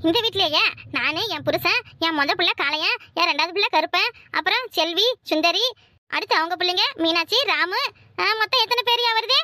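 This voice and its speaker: A woman's voice: very high voice, a little fast, pushed and bright, no room sound, studio quality. A woman voicing an older village woman who tenderly calls her cattle her children, in a cartoon. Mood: listing.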